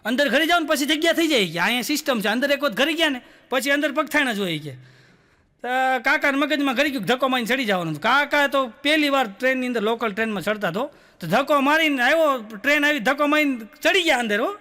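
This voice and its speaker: A man telling stand-up jokes, acting out the dialogue in quick voices. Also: very high voice, animated, sharp tone. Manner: storytelling with quick voiced dialogue, "બોલો" tags. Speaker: stand-up comedian.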